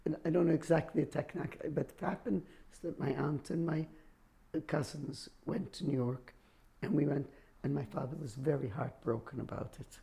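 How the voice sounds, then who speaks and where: A woman's voice: deep voice, steady tone, normal speed, creaky, mellow. A woman in her seventies, born in Hungary, telling her family's refugee story in an oral history interview, often restarting her sentences. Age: 70s.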